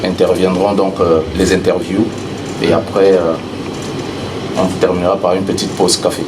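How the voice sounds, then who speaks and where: A man's voice: low voice, flat delivery, normal speed. A man acting as master of ceremonies, giving a formal, ceremonious and somewhat hesitant welcome at a press conference. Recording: distant mic in noisy room.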